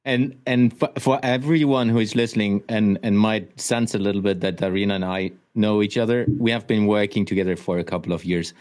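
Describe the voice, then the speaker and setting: Male co-host, lowish voice, friendly casual intro, repeats words. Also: steady tone, a little fast, few pauses, a little mellow. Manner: friendly, stumbling restarts. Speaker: podcast co-host. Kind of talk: casual podcast hosting.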